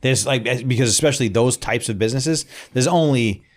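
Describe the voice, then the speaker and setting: A man's voice: medium pitch, a little fast. A man with a New York accent, co-hosting a podcast, arguing his views confidently. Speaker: podcast co-host. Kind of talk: casual chat.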